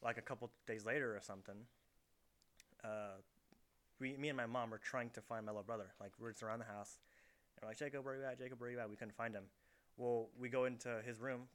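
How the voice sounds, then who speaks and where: A man's voice: mid-range voice, steady tone, fairly quick, long pauses. A young man hosting a casual podcast from his bedroom, telling stories in a rambling way full of fillers. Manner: rambling storyteller, heavy on fillers. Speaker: podcast host. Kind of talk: casual chat. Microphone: camera set up in the room.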